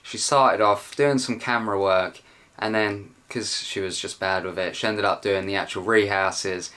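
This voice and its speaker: A young man talks casually to his viewers in a voice that sits a little low. He rambles along in a chatty, self-deprecating way, like someone hosting his own channel. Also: steady tone, normal speed, pushed and bright. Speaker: channel host. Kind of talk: casual video chat.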